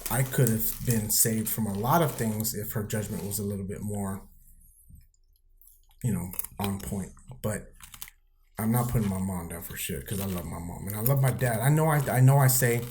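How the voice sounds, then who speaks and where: A man's voice: lowish voice, normal speed, a little mellow, a little hiss or hum. Man telling candid stories, swearing freely. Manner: candid, profanity-laced storytelling; acts out quoted people mid-story. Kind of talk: casual chat.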